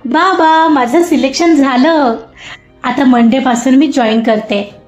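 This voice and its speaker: A woman's voice: high voice, slow. Woman playing a chatty young woman. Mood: excited. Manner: chatty, expressive. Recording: roomy muffled recording, soft music.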